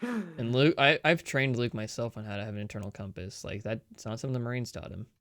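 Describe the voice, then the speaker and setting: A man acts as game master for a tabletop session, talking casually with fillers and laughing with the players. His voice sits at an ordinary middle pitch, and the recording is close and dry. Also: fast talker, a bit bright, no echo.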